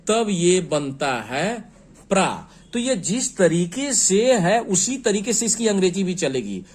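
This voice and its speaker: A man teaching a spelling lesson, slow and patient, spelling words out letter by letter. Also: fairly high pitch. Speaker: English teacher.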